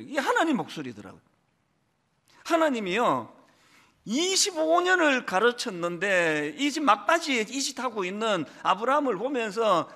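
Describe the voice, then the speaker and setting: A middle-aged man preaches with a high, lively voice that swings up and down. He tells stories with feeling and acts out the people in them. His tone is bright and forceful. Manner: animated, emotional storytelling with quoted dialogue. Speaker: pastor. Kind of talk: sermon with personal storytelling.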